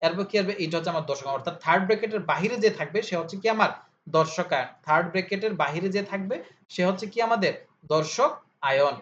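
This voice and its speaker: Rapid-fire and lively in intonation, a male chemistry tutor with a high, slightly bright voice leads an informal lesson. He answers his own questions and repeats key terms in drills, captured on slightly dull audio with a faint hiss.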